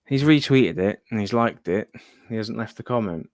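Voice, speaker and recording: A man's voice: fairly low pitch, expressive, moderate pace, no room sound, clean studio sound. A man chatting casually as host of a live gaming stream, thinking aloud and muttering asides to himself. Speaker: livestream host.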